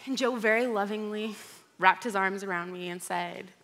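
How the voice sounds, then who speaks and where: A woman pastor with an American accent giving a conversational sermon, telling a candid personal story with animated moments. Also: mid-range voice, normal speed.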